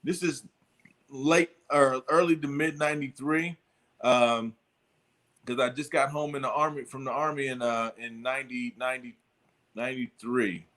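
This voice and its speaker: A man's voice: medium pitch, steady tone, moderate pace, fairly bright tone. A middle-aged man hosting a casual chat, telling a long story with lots of fillers and restarts. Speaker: podcast host.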